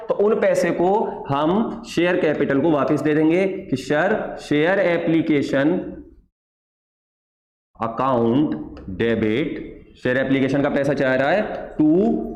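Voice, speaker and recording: A male accounts teacher giving a patient classroom lecture. He asks questions and answers them himself, and slows to dictate word by word. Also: high-pitched. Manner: patient, calls students "my child". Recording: echoey room with long reverb.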